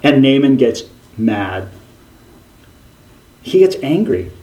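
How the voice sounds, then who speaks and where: Male preacher, sermon, animated storytelling, frequent restarts, middle pitch. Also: slow, rough recording.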